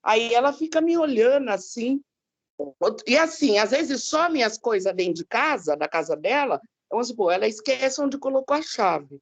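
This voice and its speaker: A woman from Brazil tells a personal story to her Bible class in a chatty, conversational way, often ending with tag questions. Her voice is high. It rises and falls in a lively way. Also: moderate pace. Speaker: class participant.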